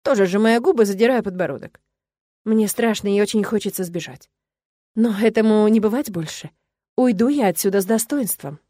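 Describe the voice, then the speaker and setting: A woman narrating a novel in the first person, lively and emotional, as if voicing her own inner thoughts. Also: mid-range voice, brisk, no room sound. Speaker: audiobook narrator.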